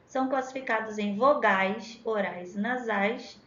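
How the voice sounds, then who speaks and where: A woman teacher with a Rio de Janeiro accent, giving an exam-prep lesson and spelling out words sound by sound with drawn-out syllables. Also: mid-range voice, a bit bright, a little hiss or hum. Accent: Rio de Janeiro Portuguese. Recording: echoey lo-fi room.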